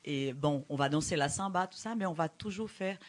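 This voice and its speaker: A woman from Brazil with a Brazilian accent, explaining things as an interview guest in halting French with small grammar slips and a foreign accent. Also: sits low. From Brazil, Belém in the Amazon region. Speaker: guest, dancer and show creator.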